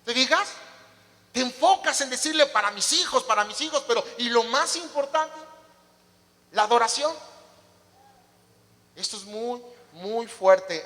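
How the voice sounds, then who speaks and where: High, bright-voiced emphatic pastor. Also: male voice, big-room sound. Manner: emphatic preaching with rhetorical questions to the congregation. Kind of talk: sermon. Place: church.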